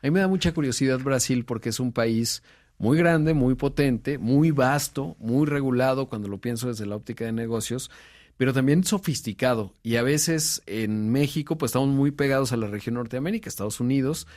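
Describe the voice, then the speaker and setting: A male podcast host leads the conversation. He puts his questions in a measured, conversational way and adds short words of agreement. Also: medium pitch, darkish tone. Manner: brief agreeing interjections, then measured questions. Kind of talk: casual interview conversation.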